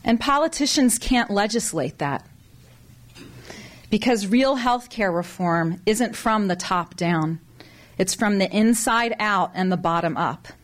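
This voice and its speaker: A woman's voice: medium pitch, measured pace. Chatty woman doctor addressing a meeting. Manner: conversational, animated, with restarts and asides to the audience. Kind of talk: public talk to a meeting.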